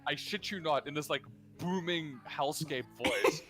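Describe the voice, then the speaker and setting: A man chatting casually on a stream, telling a story in an animated way and swearing freely. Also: on the high side, a little slow. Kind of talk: casual group chat on stream.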